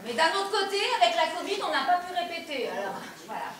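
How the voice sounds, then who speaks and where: A woman's voice: extremely high pitch, very animated, quick pace, exaggerated voice. A woman playing a bumbling, cheeky young actress in a live stage comedy sketch, fumbling her lines and ad-libbing. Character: clumsy young actress in a rehearsal. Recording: echoey hall, distant mic, loud noise.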